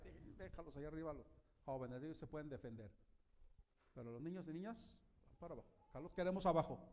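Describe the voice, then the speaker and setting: Pastor, male, slightly high voice, animated sermon full of questions to the congregation. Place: church.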